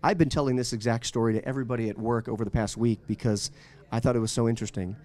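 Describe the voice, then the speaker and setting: A male radio host conducts an interview. He asks his questions eagerly and with emphasis. His voice sits at a middle pitch. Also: fairly even intonation, rapid-fire, darkish tone. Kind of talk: enthusiastic interview. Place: at a live event.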